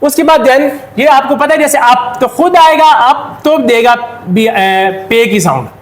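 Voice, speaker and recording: A man's voice: extremely high pitch, a little slow, reverberant. A man with a Pakistani Urdu accent, giving a step-by-step classroom lesson and answering his own questions. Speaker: Korean language teacher.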